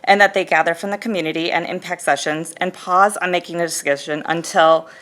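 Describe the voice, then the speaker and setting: Concerned parent reading from notes, lowish, steady. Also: female voice, brisk. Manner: reads steadily from prepared remarks. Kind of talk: prepared public comment.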